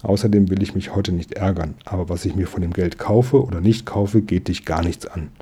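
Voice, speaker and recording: A man's voice: low voice, a little fast, dark tone, a little hiss or hum, close to an everyday voice. A man doing an eager, stubborn young boy. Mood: insistent. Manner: eager and insistent.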